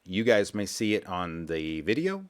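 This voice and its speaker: A man's voice: sits low, very animated, unhurried, smooth. A man hosting a financial radio show, talking in a rambling, folksy way and repeating his words. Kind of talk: casual radio talk with sales pitch. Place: radio studio.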